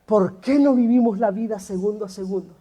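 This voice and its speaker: A man's voice: high voice, fairly quick, mellow, pitched below the performer's own voice. A man preaching who voices a worried young son, pleading with his father through question after question.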